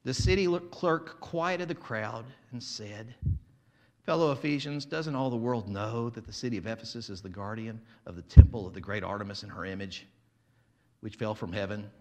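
A man preaching an animated sermon as pastor, swinging from loud to quiet and acting out crowd voices. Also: on the low side, normal speed.

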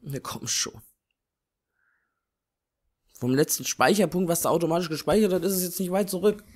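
A man's voice: fairly high pitch, animated, normal speed. A man hosting a let's play, giving casual, colloquial gameplay commentary with grumbling reactions. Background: game music.

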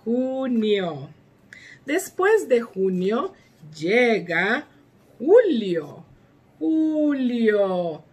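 A woman teaching a bilingual lesson to young children, counting and naming months in a slow, sing-song way with lively exclamations. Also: a little high, breathy edge.

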